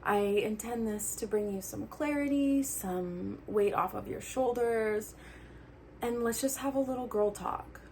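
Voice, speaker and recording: A young adult woman talking casually to camera like a friend, earnest and animated, sometimes dropping into soft asides. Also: on the high side, unhurried, a little hiss or hum. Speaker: vlogger giving breakup advice. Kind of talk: casual heart-to-heart chat to camera.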